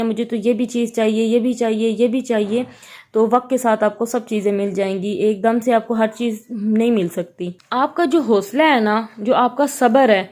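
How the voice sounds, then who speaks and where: A woman's voice: a little high, a little mellow. A young woman with a Pakistani Urdu accent, giving earnest, repetitive family advice in a casual talk to camera, slipping everyday English words into her speech.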